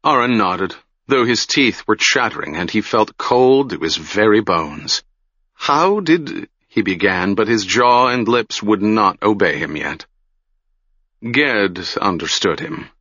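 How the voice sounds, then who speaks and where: A man narrating an audiobook in slow, deliberate storytelling. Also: fairly low pitch, animated, pushed and bright, dry recording, lo-fi sound.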